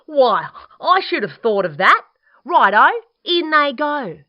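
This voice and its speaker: A woman voicing a boastful, gleeful male dingo in a children's storybook, with excitable, singsong delivery. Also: medium pitch, slow, highs cut off, close to an everyday voice.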